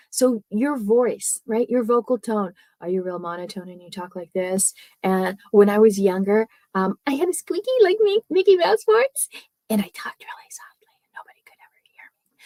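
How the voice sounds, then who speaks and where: Soft-spoken woman coaching on a dry mic. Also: fairly high pitch, dry recording. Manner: chatty, many fillers and tag questions; speaks softly. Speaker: speaking coach. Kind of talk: live online training talk.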